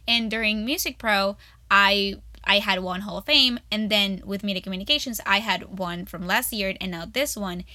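A woman's voice: medium pitch, normal speed, bright, forceful tone, no echo. A young woman co-hosting a student podcast, chatting in a bubbly, gushing way full of fillers. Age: young adult. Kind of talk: casual chat.

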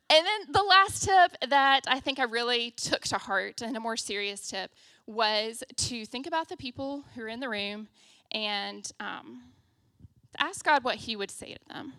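A young woman giving a casual, self-deprecating sermon from a church stage, opening with a soft, hushed prayer and peppering her talk with "like" and "um.". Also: on the high side, dry recording, studio quality. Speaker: guest preacher.

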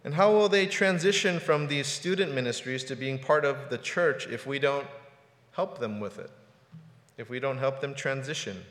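A man in his forties, a pastor, delivers a sermon in a church sanctuary, talking casually and conversationally and often repeating words. His voice sits in the mid range with a fairly bright tone at a moderate pace. The recording carries roomy hall reverb.

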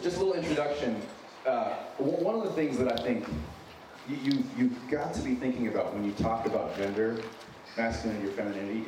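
In a cavernous, noisy hall with listeners, a distant microphone records a medium-pitched man in his thirties giving a conversational sermon. Born in San Diego and raised in Wyoming, he has an American accent lightly tinged with Minnesotan. He's earnest, relaxed and self-deprecating, and he leans on repeated phrases for emphasis.

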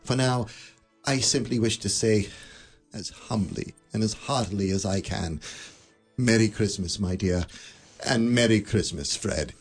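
An actor playing Scrooge, an elderly miser turned giddy and generous, laughing and lively in a radio play. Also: male voice, lowish voice, a little slow, breathy edge. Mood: joyful. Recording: studio radio drama with faint music.

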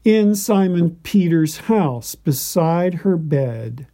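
Slow, very dark-voiced man narrating. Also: on the high side, lively intonation. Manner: slow, deliberate, reverent delivery. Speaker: devotional narrator. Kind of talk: scripted devotional narration.

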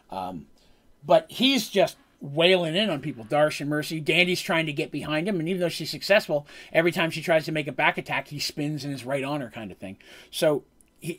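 A man's voice: fairly high pitch, fairly bright tone, breathy edge. A man telling how a tabletop game session played out, as its game master, in a rambling way with frequent ums and self-corrections.

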